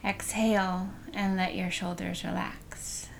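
A woman leading a guided meditation in a soft, soothing manner, with breath showing at the ends of phrases. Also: medium pitch, level tone, slow pace, vocal fry, a little hiss or hum.

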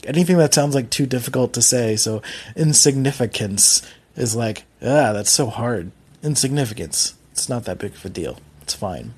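Speaking at medium pitch with a slightly mellow quality, a Philly-accented podcast host from Philadelphia rambles through his casual solo show. He keeps poking fun at himself as he goes.

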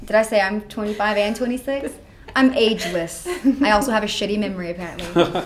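A woman's voice: mid-range voice, fairly even intonation, fast talker, a crowd in the background. A woman in her twenties, a musician chatting casually in a backstage interview. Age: 20s. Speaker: musician guest. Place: backstage at a theater.

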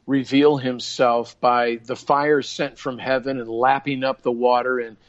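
A man's voice: medium pitch, little pitch movement, unhurried. An older man talking in an earnest, preacherly way in a casual podcast conversation, often restarting his sentences. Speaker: guest minister. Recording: dull lo-fi sound.

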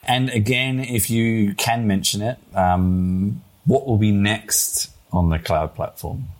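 Deep-voiced male interviewer. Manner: halting questions with restarts and laughs. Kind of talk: conversational interview.

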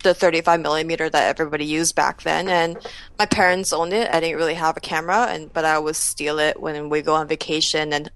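A woman in her thirties with a Canadian accent, a photographer guest talking in a relaxed, soft-spoken, self-deprecating way. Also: sits low, fast. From Taiwan, raised in New Jersey and Canada. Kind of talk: conversational interview.

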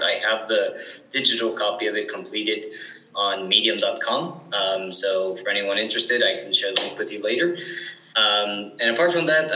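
A teenage boy answers interview questions as a guest, eager but restarting often and filling his speech with "like" and "um." His fairly low voice sounds bright and forceful, in a roomy, rough recording.

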